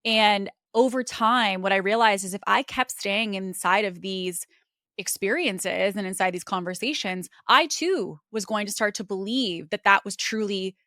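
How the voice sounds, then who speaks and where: A woman's voice: medium pitch, unhurried, sharp tone, dry recording, clean studio sound. A woman hosting a podcast, speaking in an earnest, reflective monologue with a casual conversational flow. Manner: earnest, conversational, with frequent "like" and "you know". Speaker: podcast host.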